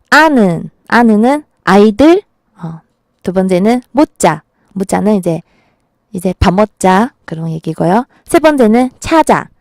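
Female radio DJ, leisurely chatty delivery with frequent laughs, mid-pitched voice, close dry studio sound. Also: darkish tone, no room sound. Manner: chatty, laughs often between lines. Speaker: radio show host. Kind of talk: casual radio DJ chat. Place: small radio studio at a market.

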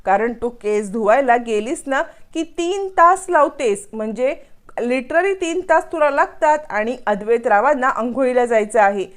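A woman's voice: fairly high pitch, lively intonation, measured pace. A woman voicing an anxious middle-aged mother who scolds her daughter and fusses over her son-in-law. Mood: fussing. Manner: scolding, fussing.

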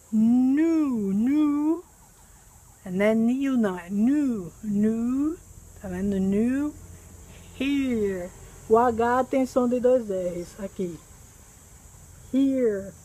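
A woman from Brazil teaching an English lesson outdoors, patiently repeating words slowly to drill pronunciation. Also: a little high, darkish tone, poor audio. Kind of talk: recorded language lesson.

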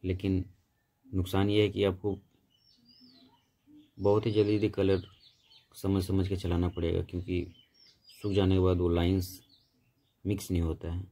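Low, mellow-voiced male painting instructor. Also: moderate pace, long pauses. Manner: steady, patient step-by-step instruction. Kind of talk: tutorial voice-over explaining technique.

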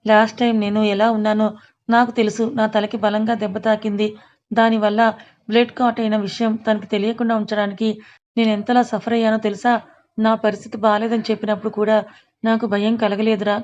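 A woman's voice: a little high, a little mellow, lo-fi sound, lightly acted. A woman reading the lines of a remorseful young army major confiding in a friend. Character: young army major, guilt-ridden and grieving.

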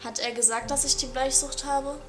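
A woman's voice: high-pitched, steady tone, moderate pace, faint music behind, close to an everyday voice. A young woman in an amateur film drama, playing a frightened teenage girl who pleads with her mother. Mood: pleading. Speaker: amateur actor.

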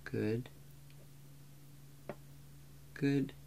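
A young man in his 20s, medium in pitch, plays a doctor during a soft, slow ASMR examination role play. Calmly and deliberately, he instructs the listener through every step. The recording takes place in a small room with a clear, steady hum in the background.

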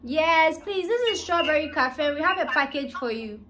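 Posing as a delivery service, a young Ghanaian-accented vlogger in her twenties prank calls someone from a small indoor living room, holding the phone mic at arm's length. She keeps a polite yet insistent customer-service manner. Her high voice has lively intonation, a moderate pace, and a pushed, bright quality, with slight background noise.

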